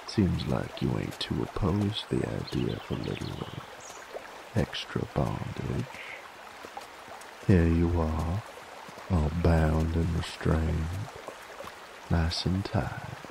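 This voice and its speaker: Running water and outdoor nature sounds trickle steadily behind this noisy ASMR roleplay. Fully in character, a deep, gravelly-voiced man performs a monologue as a cocky, dominant werewolf bounty hunter, drawling like a cowboy and teasing in a folksy way.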